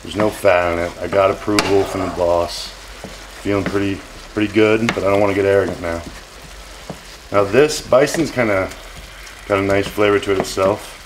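A brash, joking, profane man in his forties hosts a cooking vlog from his home kitchen while a frying pan sizzles behind him. His voice is deep and steady at normal speed, with long pauses and background noise.

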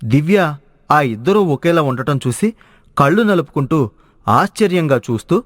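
A male narrator with a slightly high voice tells a family cartoon story in an even, measured way. The recording is dry and close, with no room sound. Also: no room sound.

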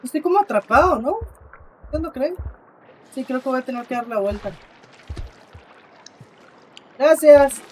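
A man giving casual live commentary while he plays, talking to the game character and to his viewers, swinging between exclamations and low muttering. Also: animated, fairly quick, long pauses, a bit bright, slight background noise. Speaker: streamer.

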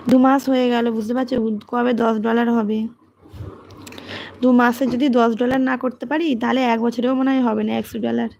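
A woman, hosting a casual livestream, reading comments and talking softly and quietly. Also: flat delivery, fairly quick, gravelly, muffled recording, a little hiss or hum. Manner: soft, low-volume talk, as her daughter is studying. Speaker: livestream host.

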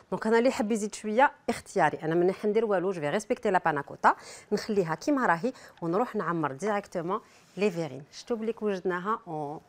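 A woman with an Algerian accent and a mid-range voice presents a cooking demonstration, chatting straight to her viewers and making frequent asides.

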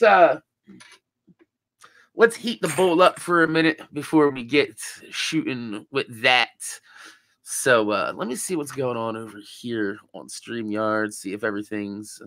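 A man's voice: mid-range voice, animated, measured pace, pushed and bright, no room sound. A young man with a groggy morning voice, chatting casually to his live-stream viewers in a laid-back, rambling way with plenty of swearing. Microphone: desk mic.

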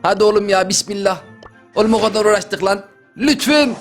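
Young man, very high voice, excitable gaming commentary, joking and shouty, faint music behind. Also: fairly quick. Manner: loud, exclamatory, joking. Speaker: gaming YouTuber.

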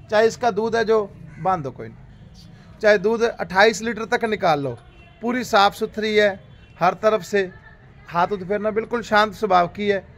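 Farm host, high-pitched male voice, upbeat salesman patter in an outdoor cattle yard on a phone mic. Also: a bit bright, slight background noise. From Rajasthan, India. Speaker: dairy farm host selling livestock. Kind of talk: casual livestock sales pitch.

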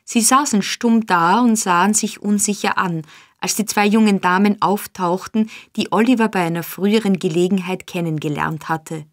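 A woman narrating a classic novel in a measured, even way. Her voice sits in a middle register. The recording is close and completely dry. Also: medium pitch, no echo. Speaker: audiobook narrator. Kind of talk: scripted narration.

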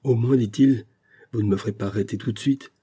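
A man's voice: on the low side, fairly quick, dark tone, husky. A man reading aloud plays a proud young man who answers his accusing father with cold defiance. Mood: defiant.

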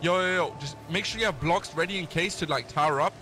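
A man's voice: a little high, fast talker, music in the background. A young man playfully rambling and joking while gaming with a friend, yelping when startled. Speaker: co-player. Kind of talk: casual gaming banter. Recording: noisy gameplay recording.

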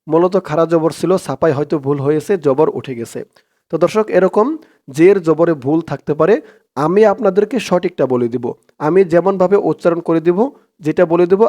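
A man teaching a prayer phrase by phrase, chanting the words slowly and drawn out between plain spoken explanations. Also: fairly high pitch, darkish tone. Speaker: Arabic teacher.

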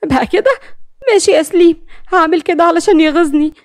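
A woman's voice: very high voice, fast, no echo, voice pushed up. A woman voicing a headstrong young woman, indignant and close to tears, with an Egyptian accent. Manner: indignant, tearful, vengeful. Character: fiery headstrong young female vet.

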